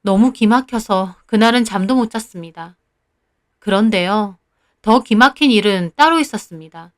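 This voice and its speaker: A woman's voice: medium pitch, no room sound, clean studio sound. A woman telling a story in the first person, confiding and indignant. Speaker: narrator. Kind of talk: storytelling narration.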